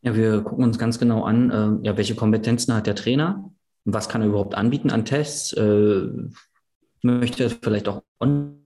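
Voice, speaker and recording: A man's voice: fairly low pitch, steady tone, moderate pace, dark tone. A middle-aged man talking casually on a podcast as a coach for personal trainers. He explains his points with everyday examples and quotes clients in direct speech.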